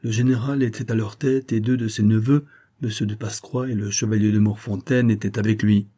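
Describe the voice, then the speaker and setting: Man narrating a classic novel as an audiobook, dark, husky voice, steady and measured. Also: fairly low pitch.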